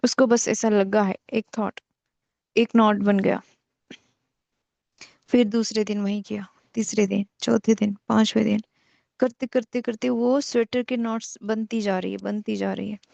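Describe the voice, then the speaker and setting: Woman teacher telling a slow spiritual story. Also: medium pitch, fairly even intonation, creaky, darkish tone, no room sound, dull audio. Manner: slow, repetitive, story-telling with many pauses.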